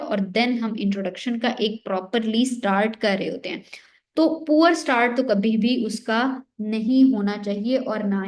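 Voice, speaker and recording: A young woman gives an exam-prep lecture in a fairly high voice. She walks through each point step by step, often posing a question and answering it herself. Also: a little mellow. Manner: explains step by step, often asks and answers her own questions. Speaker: teacher.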